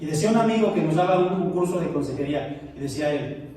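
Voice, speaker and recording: A middle-aged Mexican pastor preaches with a high, mellow voice, weaving humorous stories into his sermon. He sounds distant from the microphone, his words ringing through a big echoey church hall with a faint hiss underneath. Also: expressive, fast. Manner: storytelling, humorous asides to the congregation. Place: church sanctuary.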